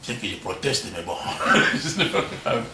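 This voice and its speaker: Interviewed at home in his living room, this older retired professor speaks with a Congolese French accent, talking expansively and with pride while laughing readily. His medium-pitched voice is very animated and moves at a moderate pace. Background noise is present, and the home recording sounds roomy, captured from a distance.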